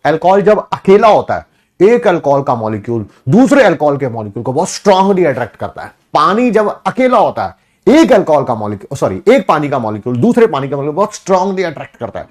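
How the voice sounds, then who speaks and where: A male teacher giving a classroom lecture, joking and quizzing his class. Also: on the high side. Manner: animated, jokey, asks class questions.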